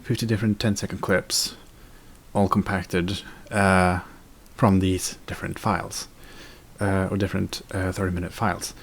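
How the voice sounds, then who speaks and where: A man's voice: low voice, level tone, moderate pace, gravelly, husky. A young man chatting casually in a daily vlog, rambling with fillers and self-corrections. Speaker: video blogger.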